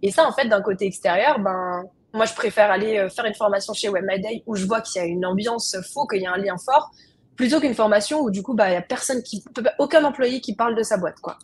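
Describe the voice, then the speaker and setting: A young woman presenting a webinar, her voice slightly husky and breathy at a middling pitch. She explains in a relaxed, conversational way and speaks straight to the people watching. It sounds like a computer mic on a video call. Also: brisk. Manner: conversational, explanatory, addresses the audience directly.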